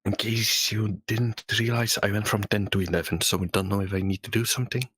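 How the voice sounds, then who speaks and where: A man at a tabletop game, hesitating and thinking aloud as he decides his move. His voice is husky and very low, and he speaks slowly. The sound is dry and close. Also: fairly even intonation, fairly bright tone, no room sound. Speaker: player. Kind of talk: casual tabletop play.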